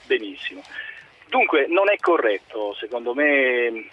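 A man's voice: mid-range voice, big pitch swings, unhurried. A male caller from the province of Fermo, talking on speakerphone to a sports phone-in show and arguing his point insistently. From Italy, province of Fermo. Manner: argumentative, insistent, defends his club. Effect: on speakerphone over a phone line. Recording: tinny speakerphone phone line.

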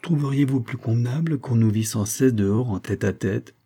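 A man reading a story voices a capricious, quick-tempered young woman who turns pleading and coaxing. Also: mid-range voice, dark tone, breathy edge. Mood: teasing, defiant.

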